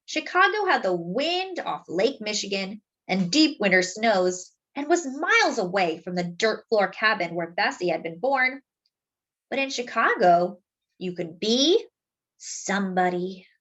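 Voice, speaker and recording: With a medium-pitched voice, a female storyteller reads from a children's book, giving it expressive narration, careful phrasing, and elongated words for emphasis. The recording's high frequencies are cut off.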